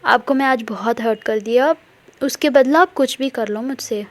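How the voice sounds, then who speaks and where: A woman's voice: a little high, moderate pace, close to an everyday voice. Woman voicing a pleading apologetic young wife. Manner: pleading, apologetic, mixes English words. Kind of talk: casual retelling of a love story.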